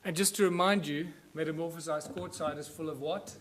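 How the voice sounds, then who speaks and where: A man's voice: a little high, steady tone, a little fast. Man lecturing in an echoey room. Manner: explanatory, loose and rambling with fillers. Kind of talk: lecture with live demonstration.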